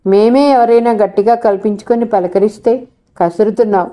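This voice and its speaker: A teasing, coaxing young college girl from a storybook reading, as a woman reader puts her on. Her voice is mellow and dark. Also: medium pitch, moderate pace, natural voice.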